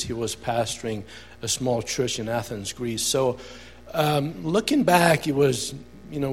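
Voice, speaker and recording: A man from Albania with an Albanian accent, speaking as a guest at a church service and sharing his testimony in an earnest, halting way with many fillers. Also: medium pitch, big-room sound.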